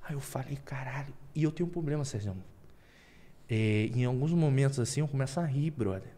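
A young man telling a story on a podcast, with slangy, animated storytelling, acted quotes and bursts of nervous laughter. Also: mid-range voice, brisk. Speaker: podcast guest. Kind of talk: casual storytelling.

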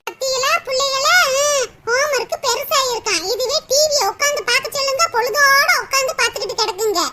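Woman voicing a shrill, quarrelsome cartoon mother. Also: fast. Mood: complaining. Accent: southern Tamil Nadu rural. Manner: complaining, loud, argumentative. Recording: loud background noise.

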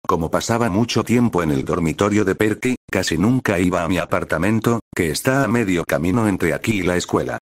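A man reading a fan story aloud in steady, even narration. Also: low-pitched, fairly quick, hardly any pauses, no echo, clean studio sound. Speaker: fan fiction reader.

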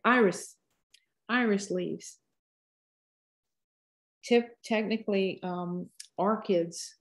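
A woman's voice: on the low side, warm tone. A woman in her sixties with a Cajun accent, teaching painting casually and thinking aloud as she works in a folksy, rambling way. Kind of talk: casual live painting tutorial.

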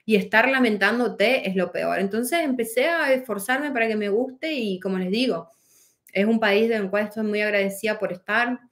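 Woman life coach, casual Q&A, talky, mid-pitched voice. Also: normal speed. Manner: chatty and reflective, many fillers and restarts. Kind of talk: casual Q&A answering viewer questions.

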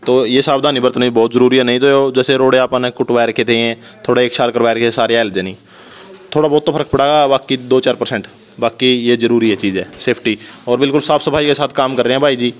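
A young man from Haryana, India, with a Haryanvi accent, vlogs chattily on a handheld phone in a medium-pitched, steady, smooth voice, a little fast. Giving casual commentary in an unfinished concrete house, indoors and at the doorway, he keeps calling viewers "brother".

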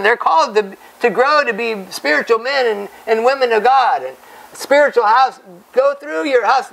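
Pastor in his fifties, gravelly voice, lively pulpit teaching, stand mic, small church stage. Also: high-pitched, poor audio. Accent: Hawaiian-influenced American English. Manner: animated, gesturing, many restarts and repeated words. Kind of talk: verse-by-verse Bible teaching.

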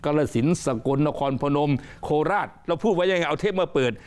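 A man's voice: a little high, a little fast, darkish tone. A politician being interviewed on a studio talk show, emphatic and joking, often repeating his words. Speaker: politician guest.

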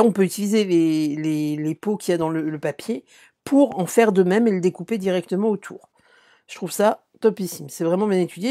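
Chatty middle-aged woman, fairly low voice. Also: mellow. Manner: chatty, many fillers and restarts, reassuring asides. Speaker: craft live-stream host. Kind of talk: casual live demonstration, answering viewer comments.

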